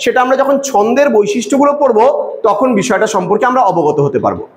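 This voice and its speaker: A male teacher giving an online lecture, explaining slowly and repeating examples. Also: sits high, big pitch swings, echoey room, a little hiss or hum, poor audio.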